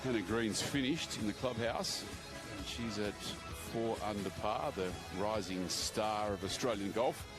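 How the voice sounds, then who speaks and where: A man's voice: fairly low pitch, a little slow, few pauses, over music, poor audio. A man giving live golf commentary as a sports broadcaster.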